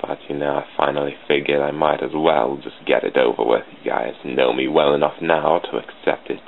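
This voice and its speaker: A British man with a very deep, gravelly voice speaks briskly with fairly even intonation, rambling self-deprecatingly to himself as he draws sprites on a computer for his channel. Recorded at a home desk on a cheap computer mic, the audio is tinny and lo-fi like a phone, with a faint hiss.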